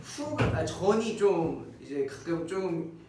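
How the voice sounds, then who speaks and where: Young male host, fairly high voice, chatty, leads the talk. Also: animated, slow pace, a crowd in the background. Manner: chatty, leads and prompts the others. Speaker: host of the group live stream. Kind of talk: casual chat. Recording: echoey room, far from mic.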